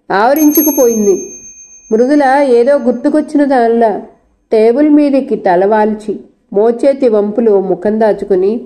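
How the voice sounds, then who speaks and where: Brief: woman narrator, scripted novel reading, steady delivery, somewhat high and mellow.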